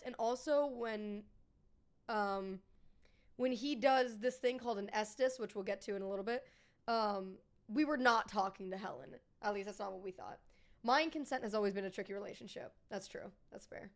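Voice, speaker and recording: A woman streamer chatting casually with her live viewers, rambling and swearing freely. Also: on the high side.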